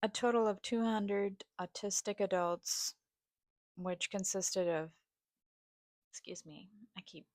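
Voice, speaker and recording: A woman vlogging in a rambling, personal way, halting and hesitant, with vocal fry and a sometimes scratchy voice. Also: medium pitch, darkish tone, dry recording, studio quality. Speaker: video host. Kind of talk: rambling personal vlog, partly reading a study aloud.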